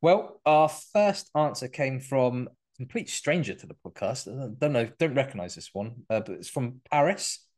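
An animated man co-hosting a casual podcast. His voice sits at a middle pitch. He cuts in, restarts lines and rises sharply when excited. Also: moderate pace, hardly any pauses. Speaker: podcast co-host. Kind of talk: casual chat.

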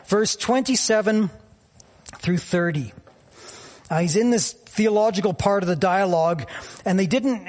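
Husky high-voiced male pastor preaching. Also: a little mellow. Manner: reflective, personal storytelling with frequent fillers. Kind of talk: sermon.

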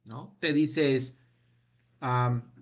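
A man leading a self-help workshop, asking a long run of gentle reflective questions that trail off with a quiet "no?". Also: medium pitch, steady tone, extremely slow. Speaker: workshop speaker.

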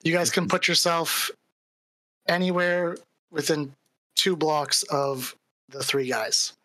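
A woman narrates a tabletop adventure as dungeon master, in a low yet bright, forward voice. She talks casually, filling her narration with little asides. The sound is dry and close on a home mic. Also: flat delivery, takes it slowly, dry recording, low-quality recording. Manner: casual, filler-laden narration.

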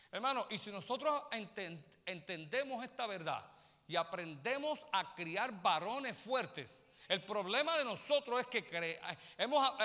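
A pastor preaches a sermon in a church sanctuary, his high, bright voice swinging widely in pitch, with a long church-hall reverb. Animated, he keeps turning to the congregation with direct questions, often calling listeners "brother" and checking they follow.

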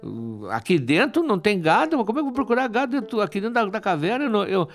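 A man's voice: high-pitched, very animated, fast, faint music behind, voice pushed up. A man voicing a crafty newborn boy god who pleads innocence in a sugary voice full of diminutives. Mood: pleading innocence. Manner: wheedling, piles on diminutives.

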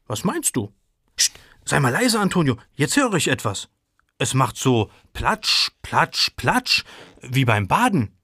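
A man's voice: mid-range voice, big pitch swings, slow pace, sharp tone, breathy edge, no echo, clean studio sound, full character voice. A man voicing a young girl who is firm and eager, earnest and a bit stammering in a read-aloud storybook. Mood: girlish, earnest.

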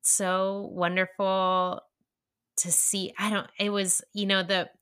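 A young woman co-hosting a podcast in casual chat, earnest and halting, with many fillers and restarts. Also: mid-range voice, level tone, a bit bright, clean tone. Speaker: podcast co-host.

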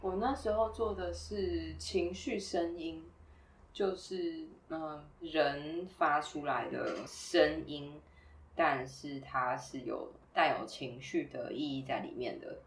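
A woman from Taiwan talks in a casual, chatty way and tells her stories with ease. Her voice sits low, and it sounds a little distant from the microphone. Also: takes it slowly, a little hiss or hum. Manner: chatty, storytelling, laughs easily. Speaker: guest, former PhD student. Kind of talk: casual conversation.

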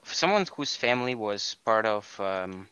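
A young man with a bright, forceful tone and a smooth, resonant voice chats loosely on a podcast. He rambles through his points with plenty of fillers and restarts, correcting himself as he goes. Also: lowish voice, expressive, moderate pace, no room sound, lo-fi sound. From Estonia. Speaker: podcast co-host. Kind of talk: casual chat.

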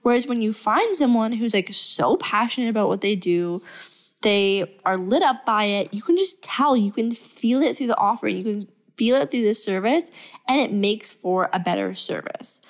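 A young woman with a medium-pitched, expressive voice talks at normal speed on her solo podcast. She sounds stuffy and unwell yet upbeat, chatting casually with lots of fillers.

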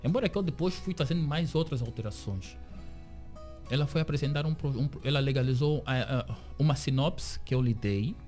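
A man being interviewed on the radio as a series creator, telling his story with lively acted-out quotes of other people. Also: medium pitch, brisk, faint music behind. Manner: animated storyteller, acts out quoted dialogue. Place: radio studio.

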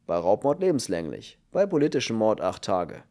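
A man voicing a gruff male prisoner with a bass voice and a dry, unctuous way of talking. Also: moderate pace. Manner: growling, unctuous, deadpan.

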